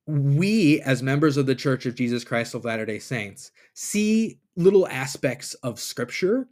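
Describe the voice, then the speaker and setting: A man hosting a podcast, thinking aloud in a casual, reflective monologue and retelling scripture in everyday words, recorded on a computer mic. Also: medium pitch. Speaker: podcast host. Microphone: computer mic, recording in a browser app.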